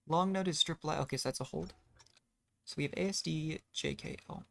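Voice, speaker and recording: This casual gameplay livestream features a streamer with a brisk, mid-range voice marked by vocal fry. They poke fun at themselves while playing, and game music plays in the background.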